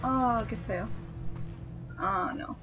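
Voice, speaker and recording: A woman's voice: on the high side, very slow, music in the background. A woman commenting on a horror game as she plays, talking to herself in a nervous way. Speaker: gamer. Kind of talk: let's play commentary.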